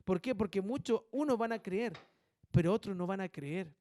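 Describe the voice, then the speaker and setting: A male pastor preaching a sermon, with animated delivery and muttered asides that mimic gossip. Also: high voice, normal speed, no echo, clean studio sound.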